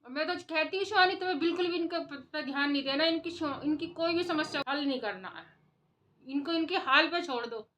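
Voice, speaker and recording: High-pitched woman vlogger ranting and scolding, repeats herself a lot for emphasis. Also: brisk, bright, forceful tone. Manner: scolding, impassioned, repetitive. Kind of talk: opinion commentary to camera.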